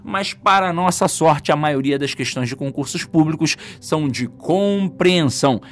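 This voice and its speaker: Brazilian guy teaching an exam prep class, jokey, keeps asking himself questions, slightly high voice. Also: a little slow. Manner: lively, joking, asks himself rhetorical questions. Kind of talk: casual exam-prep lesson.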